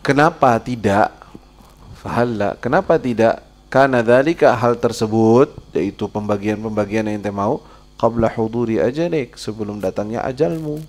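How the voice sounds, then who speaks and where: Man teaching a religious study class, gravelly voice, corrects and explains as he goes. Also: lowish voice, moderate pace, darkish tone. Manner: corrects and explains the reader's translation.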